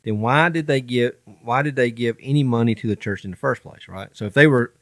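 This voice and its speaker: Southern man, mid pitch, casual podcast co-host reading scripture, dry close sound. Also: brisk, no room sound. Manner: reads scripture aloud, stumbling now and then. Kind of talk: casual Bible study chat.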